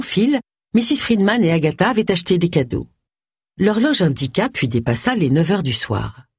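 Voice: mid-range voice, slightly rough, no echo, clean studio sound. An audiobook narrator reading a novel aloud in a scripted narration style, changing the voice for each character. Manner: expressive, shifts voice for each character.

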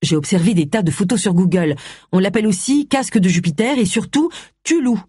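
Personnage de livre audio : un lecteur jouant une femme de cinquante ans tendue, intonation très mobile. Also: female voice, medium pitch, lively intonation, fairly quick, dark tone, husky, dry recording, clean studio sound, voice pushed up. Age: 50s. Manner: tense, emotional outbursts. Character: femme détective cinquantenaire, nerveuse et vive. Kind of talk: audiobook character voice.

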